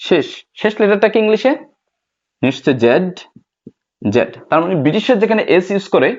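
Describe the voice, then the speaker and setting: A Bengali-speaking man teaching an English lesson, repeating each point slowly and asking and answering his own questions. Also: high-pitched, lo-fi sound. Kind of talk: classroom lesson.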